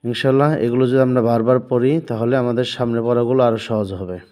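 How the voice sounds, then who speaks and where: Male Quran tutor, slow and patient letter-by-letter drilling, flat mellow delivery. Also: medium pitch, clean tone. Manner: patient, sounds out letters one by one. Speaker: Quran teacher. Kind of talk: slow spelled-out recitation lesson.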